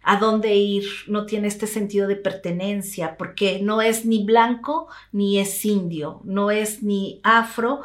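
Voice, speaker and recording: A woman with a Mexican Spanish accent talks at a middle pitch. She explains things as an interview guest, slipping in English words and checking in with short tag questions. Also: fairly even intonation, slow, few pauses. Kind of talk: explanatory conversation.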